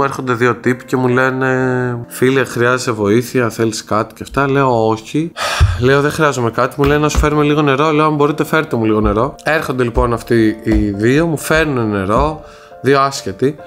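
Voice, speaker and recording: A man's voice: mid-range voice, soft background music. A young man with a Greek accent recounts his story in a casual vlog, shaken and repeating himself, speaking frankly to his viewers. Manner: shaken, repetitive, frank retelling. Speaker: vlogger.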